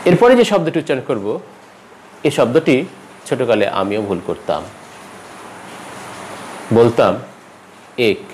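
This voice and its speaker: A man giving a pronunciation lesson, repeating each word slowly and carefully, with a rise in pitch at every new word. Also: a little hiss or hum, poor audio. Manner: lively teacherly stress, rises at each new word. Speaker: language teacher.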